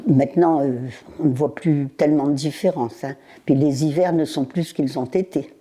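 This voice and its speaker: Very old woman with a deep, dark voice. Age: 90s. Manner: halting, with pauses, fillers and repeated words. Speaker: interviewee. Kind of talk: recalling her childhood in an interview.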